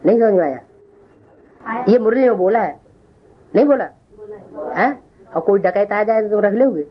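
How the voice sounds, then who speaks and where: A woman teaching a religious scripture lesson, often pausing to question and tease her listeners. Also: mid-range voice, expressive, highs cut off, a crowd in the background. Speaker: spiritual class teacher.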